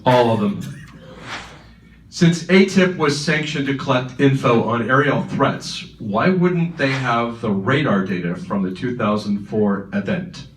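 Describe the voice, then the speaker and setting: A man moderating a conference Q&A, reading out questions in a lighthearted manner. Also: medium pitch. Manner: lighthearted, quick to laugh. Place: conference hall. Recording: echoey hall from far off, faint noise.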